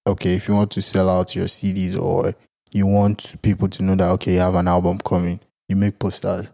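A man's voice: sits low, monotone, brisk, creaky, warm tone. A young man co-hosting a casual podcast chat, talking in a slangy, buddy-like way. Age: young adult. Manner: slangy, buddy-like, punctuated with "bro" and "you know". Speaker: podcast co-host. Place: home studio, seated on a couch.

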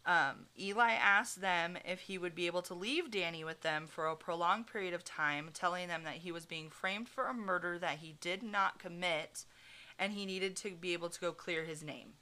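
Telling a true crime story, a woman podcast host chats casually, swearing freely and leaning on fillers like "like." Her voice is lowish and sharp, moving at a moderate pace.

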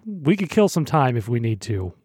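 A man's voice: mid-range voice, big pitch swings, moderate pace, a little mellow, husky, no room sound, clean studio sound. A young man co-hosting a casual podcast, teasing his co-host and laughing often.

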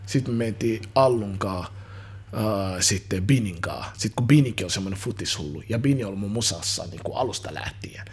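Husky-voiced man talking energetically. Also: on the low side. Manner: energetic, slangy, rambling with restarts. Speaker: guest, musician and youth football coach. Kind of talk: casual interview chat.

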